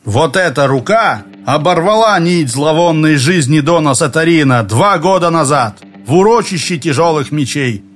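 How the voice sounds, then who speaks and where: A man's voice: a little high, expressive, moderate pace, hardly any pauses, faint music behind, lightly acted. A man voicing a boastful boy playing a noble warrior. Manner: commanding, mock-grand.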